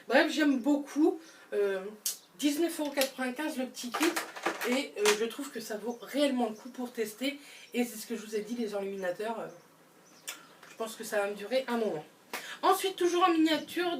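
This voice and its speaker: A woman's voice: on the high side, distant mic. A young woman chatting in a casual haul vlog as a beauty vlogger, enthusiastic and fond of repeating her words. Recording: voice a bit away from the mic, faint background noise.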